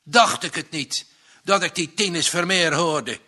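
A man voicing a furious, red-faced old farmer who shouts in rage, in a read-aloud story. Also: on the high side, unhurried, pitched above the performer's own voice, exaggerated voice. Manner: shouting, raging.

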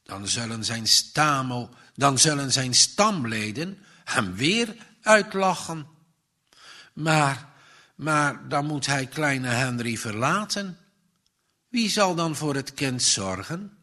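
A man reading a children's story aloud in a slow, expressive way. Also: mid-range voice. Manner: slow, expressive reading with dramatic rises and falls. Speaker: narrator.

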